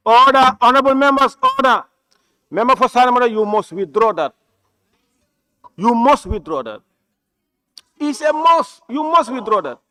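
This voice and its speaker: Male presiding officer, high and crisp, shouting order and issuing stern, repeated commands in formal debate. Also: big pitch swings, normal speed, pauses often, dry recording, low-quality recording. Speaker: parliament speaker presiding over session. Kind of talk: formal chairing of heated parliamentary debate. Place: parliament chamber.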